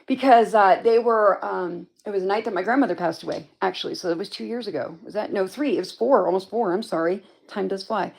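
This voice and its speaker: A woman's voice: mid-range voice, gravelly. A woman hosting a casual livestream from home, rambling through a story and answering viewers' comments as they come in. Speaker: livestream host.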